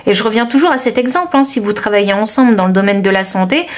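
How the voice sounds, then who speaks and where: A woman's voice: mid-range voice, quick pace. A woman with a southern French accent doing a tarot card reading for viewers, thinking aloud with many hesitations. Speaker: tarot reader.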